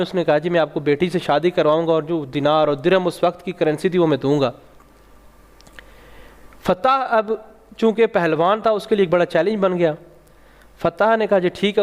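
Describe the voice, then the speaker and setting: A man's voice: a little high, clear, resonant tone. A man tells a religious story on a Ramzan broadcast, with rising emphasis on key points. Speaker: religious speaker on a Ramzan show. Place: TV studio set. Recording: long hall reverb.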